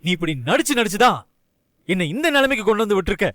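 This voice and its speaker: A man's voice: sits high, animated, fast, pushed and bright, dry recording. An actor dubbing an angry young husband who harshly accuses his wife, in a dry studio voice-over. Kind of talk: Tamil serial dub acting.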